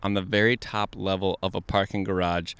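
A man's voice: low-pitched, flat delivery, fairly quick, a bit bright, clean tone, no room sound. A man co-hosting a podcast in a joking, casual chat outdoors, laughing often. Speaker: podcast co-host.

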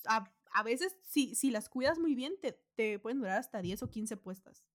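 A young adult woman with a Mexican accent, hosting a casual podcast chat and telling stories in an animated, profane way. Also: on the high side, moderate pace. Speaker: podcast host.

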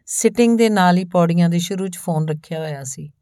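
A woman narrating a story in a calm, even storytelling manner, reading both the man telling it and the woman he meets. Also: fairly low pitch, a little fast, no echo, clean studio sound. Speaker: audiobook narrator.

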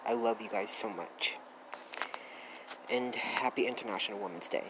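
A man's voice: lowish voice, normal speed. Earnest man vlogging over background noise. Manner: emphatic, repetitive affirmations. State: holding back emotion. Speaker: vlog host. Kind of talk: earnest direct-to-camera talk.

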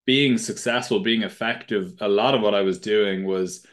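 Male podcast host, somewhat low voice, friendly, conversational questions. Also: moderate pace. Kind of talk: podcast interview.

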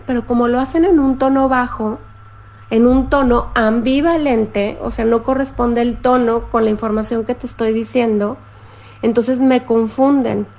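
A middle-aged woman, hosting a live stream as a therapist and explaining things calmly while she greets viewers and reads their comments. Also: on the high side, gravelly.

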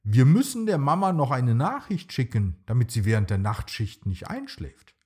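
A man voicing a small, eager boy dinosaur in a bedtime storybook, with an excited, pleading childlike voice. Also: medium pitch, normal speed, husky. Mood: cheerful.

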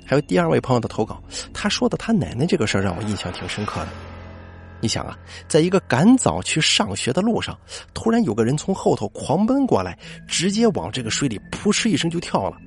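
A man hosting a late-night podcast, telling listener-submitted ghost stories and dropping his voice low for the eerie moments. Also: fast, creaky, faint music behind. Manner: lively storyteller voice, drops low for eerie moments. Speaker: podcast host.

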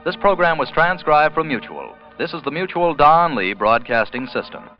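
A man's voice: fairly high pitch, very animated, normal speed, muffled recording, soft background music. A man giving formal, emphatic 1940s radio announcements, heard as an old broadcast transcription disc. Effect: old broadcast transcription disc sound.

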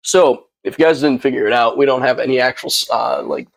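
A man's voice: mid-range voice, brisk, vocal fry, no room sound. Profane young man telling stories. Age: young adult. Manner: loose, profane storytelling. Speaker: podcast co-host. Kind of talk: casual chat.

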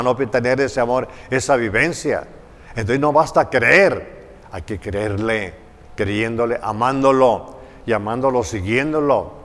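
A male preacher delivers a sermon at an unhurried pace, his mid-pitched voice leaning hard on repeated phrases. Long church reverb trails after every line. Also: a bit bright.

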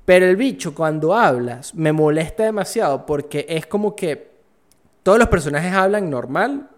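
A man talks about games in loose, slang-filled chat. His voice sits a little higher than most men's. He tells stories with lively, animated energy. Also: normal speed. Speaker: podcast co-host. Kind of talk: casual gaming chat.

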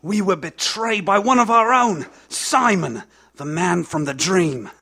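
Man doing a calm mysterious elder, high-ish voice, slow and knowing. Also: creaky, breathy edge, heavily acted. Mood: solemn. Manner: measured, solemn, knowing. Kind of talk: live audio drama acting.

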